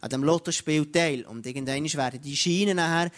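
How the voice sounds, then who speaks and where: A man's voice: on the high side, moderate pace. A man preaching a sermon, speaking straight to his listeners and often starting over with "hey, schau". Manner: addresses listeners directly with repeated "hey, schau" and frequent restarts.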